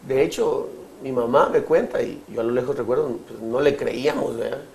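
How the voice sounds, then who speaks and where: A Guatemalan man in his thirties giving his testimony in an interview, speaking haltingly with many fillers and restarts. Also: medium pitch, creaky, a little mellow, slight background noise, poor audio. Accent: Guatemalan Spanish. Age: 30s. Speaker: interview guest.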